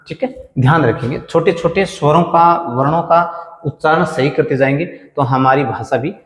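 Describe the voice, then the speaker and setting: Echoey male teacher, asks his own questions. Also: a little high. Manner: patient, asks and answers his own questions, repeats sounds slowly. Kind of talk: classroom lesson explaining Sanskrit letters. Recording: echoey room with long reverb.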